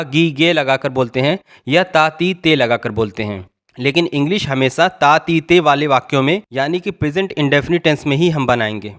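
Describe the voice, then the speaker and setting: A man gives an English grammar lesson in a voice that sits a little high. He explains each point patiently and goes over it again. He slows right down when he reads out the English example sentences. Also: a bit bright. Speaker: English teacher. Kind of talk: Hindi-language grammar lesson.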